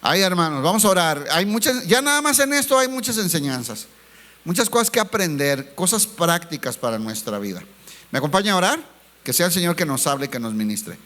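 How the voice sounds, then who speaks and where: With a high-sitting, bright, very animated voice and a forceful tone, a man preaches a sermon as a pastor. He calls the congregation brothers, asks them rhetorical questions, and slows to hammer home key words.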